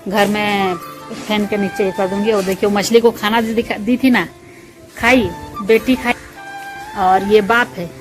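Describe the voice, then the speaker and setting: A woman, a mother, chatting homely and directly to her viewers as she walks them through cooking lunch at home. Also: mid-range voice. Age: adult, mother of school-age children. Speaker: home vlogger. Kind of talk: casual chat narrating a cooking routine. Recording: voice under loud background music.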